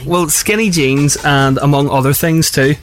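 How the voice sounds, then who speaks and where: Jokey radio host. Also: male voice, on the high side, soft background music. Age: 30s. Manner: jokey, teasing, quick to laugh. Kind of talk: breakfast radio banter. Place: radio studio.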